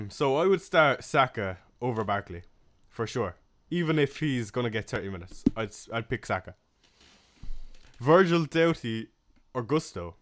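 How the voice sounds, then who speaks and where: A young man from Ireland with a Waterford accent hosts a fantasy football livestream, reading comments and offering quick opinions. Relaxed and friendly, he's chatty and laid-back, with frequent fillers and soft laughs, in a medium-pitched voice.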